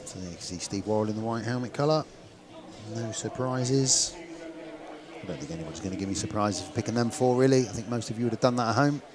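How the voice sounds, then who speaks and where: A man's voice: fairly low pitch, fast. A man with an English West Country accent giving chatty, informal live speedway commentary, thinking aloud as he goes. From West Country, England. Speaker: speedway commentator and stream host. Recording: crowd noise at outdoor venue. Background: speedway stadium crowd.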